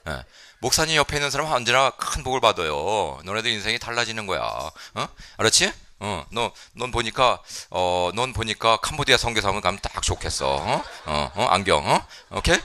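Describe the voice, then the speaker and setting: Lively, bright-voiced man preaching a sermon. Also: on the low side, fairly quick, no echo. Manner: lively, playful, mixes in English phrases, frequent "예?" prompts to the congregation. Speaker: missionary preacher. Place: church sanctuary.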